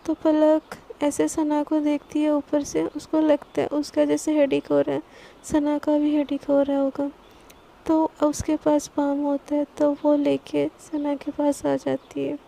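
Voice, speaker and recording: A woman's voice: high voice, completely flat delivery, measured pace, creaky, dark tone. A woman narrating a love story in a casual, loosely told way. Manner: conversational, loosely told with restarts.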